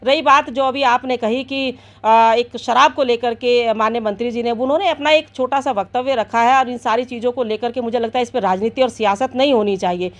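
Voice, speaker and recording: एक महिला प्रवक्ता जो धीरे-धीरे, रुक-रुककर औपचारिक बयान दे रही है।. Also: female voice, a little high, a little fast, hardly any pauses. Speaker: party spokesperson. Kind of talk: press statement.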